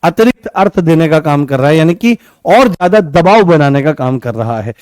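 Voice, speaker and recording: Man teaching in a high, dry voice. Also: animated, moderate pace, darkish tone, no echo. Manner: repeats key words, asks and answers own questions. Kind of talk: online grammar class.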